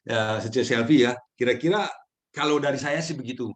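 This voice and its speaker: A man speaking gently and unhurriedly as speaker of a mindfulness session, answering audience questions with frequent chuckles. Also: mid-range voice, moderate pace.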